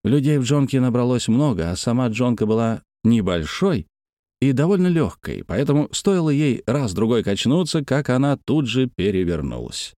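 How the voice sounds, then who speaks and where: A man narrating a story aloud, addressing his listeners, with expressive reading. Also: medium pitch, moderate pace, no echo, clean studio sound.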